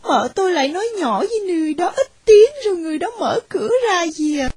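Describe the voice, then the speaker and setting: A woman's voice: very high-pitched, big pitch swings, fast talker, a little mellow, no echo, heavily acted. A woman voicing a poor, wronged young orphan woman who tells her story tearfully, in a storybook reading.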